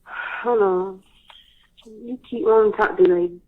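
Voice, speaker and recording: A woman's voice: medium pitch, steady tone, normal speed, a little hiss or hum. Woman on a tinny payphone call. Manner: rambling, retelling with fillers. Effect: heard over a payphone call line. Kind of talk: casual phone chat. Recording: tinny jail phone line.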